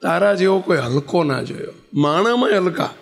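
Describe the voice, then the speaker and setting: A man voicing a furious, defiant old woman who scolds and shouts insults. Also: high voice, lively intonation, normal speed, vocal fry, heavily acted. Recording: long hall reverb.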